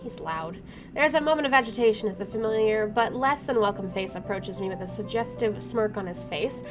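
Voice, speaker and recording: A gaming streamer with an expressive, medium-pitched voice plays through a let's play at a brisk pace, reading the game text aloud. She adds wry, informal asides and keeps interrupting herself. Her microphone sits to one side, and game music plays in the background.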